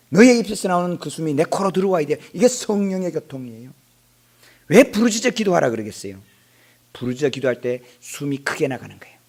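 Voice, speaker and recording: A middle-aged man preaching a sermon as pastor in a church, swinging between quiet asides and loud bursts. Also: on the high side. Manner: animated preaching, dropping to quiet asides then shouting out. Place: church sanctuary.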